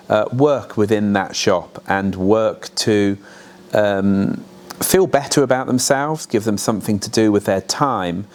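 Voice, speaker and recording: Low-pitched man explaining. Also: a little mellow. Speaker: charity representative. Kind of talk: explanatory interview talk.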